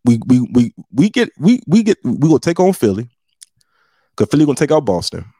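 A man hosting a casual comedy podcast, talking in a boastful, animated way with lots of emphatic trash talk. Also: mid-range voice, brisk, breathy edge, no room sound.

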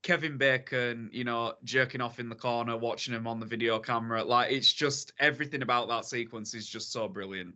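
Male podcast co-host. Bright, edgy voice; camp, sassy, effusive, conversational. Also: mid-range voice, steady tone, brisk, few pauses. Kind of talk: casual film discussion.

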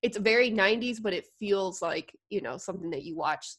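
A woman's voice: mid-range voice, fairly quick, breathy edge. A young woman co-hosting a podcast in casual chat, giggly and full of "like". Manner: giggly, animated, lots of "like". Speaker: podcast co-host.

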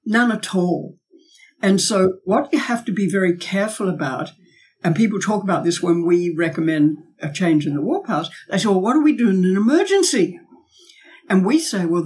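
An Australian woman, formerly a diplomat and academic, argues her points emphatically as a podcast interview guest, leaning on rhetorical questions. Her voice is mid-range, a little mellow, with a breathy edge.

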